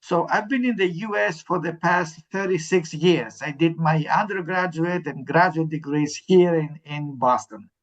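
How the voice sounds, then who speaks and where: A man's voice: a little high, measured pace, hardly any pauses, poor audio. A middle-aged man from Sweden, an interim dean, answering panel questions over a video call, with frequent ums and restarts. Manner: hesitant, many ums and restarts.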